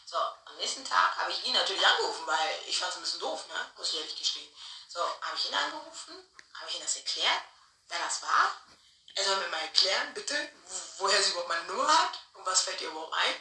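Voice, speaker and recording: Chatty woman with a sharp, roomy sound. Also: lowish voice, fast, faint music behind. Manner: chatty, animated, laughs often, tag questions. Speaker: vlogger telling a personal story. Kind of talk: casual storytime chat. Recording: roomy sound from a distant mic.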